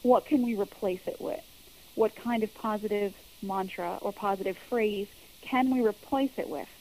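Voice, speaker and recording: A woman's voice: medium pitch, moderate pace, a little mellow, rough recording. Earnest woman coach explaining steadily. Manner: earnest, explanatory, repeats key phrases. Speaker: public speaking coach. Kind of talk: interview answers.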